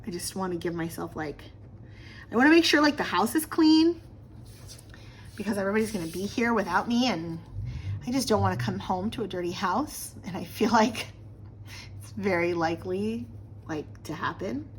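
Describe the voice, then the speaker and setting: Casual woman vlogger, 30s, mid-pitched, rambling and chatty, slightly throaty, faint noise behind. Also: expressive, normal speed, pauses often. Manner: chatty, rambling with many fillers. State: slight frog in her throat. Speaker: planner vlogger. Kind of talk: casual chat to camera. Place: home.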